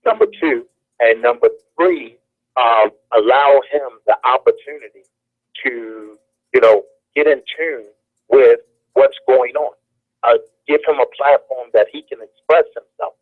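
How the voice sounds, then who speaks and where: Heard over a tinny, dry phone line, an earnest male guest on a call-in radio show gives advice by telling a personal story, repeating phrases for emphasis. His mid-range voice keeps a fairly even intonation and a measured pace.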